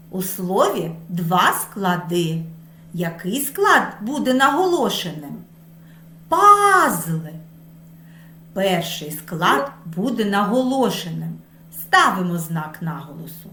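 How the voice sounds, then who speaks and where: A woman's voice: mid-range voice, fairly bright tone. Sing-song woman teaching small children. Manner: sing-song, stretching words to show stress. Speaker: preschool teacher. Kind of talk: slow lesson for small children. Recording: echoey room with faint music.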